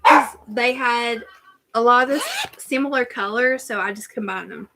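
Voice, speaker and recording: A woman's voice: on the high side, very animated, moderate pace, noisy background. A woman with a Southern US accent, chatting casually on a live stream and reading out viewer comments as she goes. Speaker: cross-stitch channel host.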